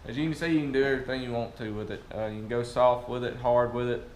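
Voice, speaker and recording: A man's voice: mid-range voice, fairly even intonation, fast. A man in his thirties with a Southern US accent, giving a casual product review to camera in a workshop. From southern United States. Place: large metal-roofed workshop or garage, indoors. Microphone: camera at about arm's length or farther. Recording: echoey metal-roofed room with noise.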